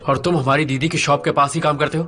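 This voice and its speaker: An actor playing a stern, hostile younger brother in a dubbed TV drama, cold and warning. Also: male voice, on the high side, steady tone, quick pace, fairly bright tone, soft background music, natural voice.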